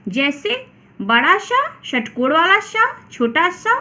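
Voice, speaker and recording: A woman teacher with a Hindi accent, slowly and deliberately explaining grammar to children. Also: sits high, big pitch swings, pushed and bright. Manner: slow, deliberate, addresses children. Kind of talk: grammar lesson read aloud.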